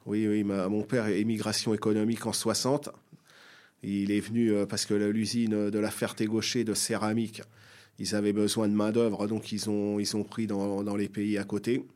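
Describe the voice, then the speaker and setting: Speaking as a guest writer in an interview, this middle-aged man from the Seine-et-Marne area, in his 40s or 50s, recalls personal memories. His fairly low voice stays very even in pitch. He feels his way through his answers in a halting, hesitant manner, doubling back on words and repeating phrases.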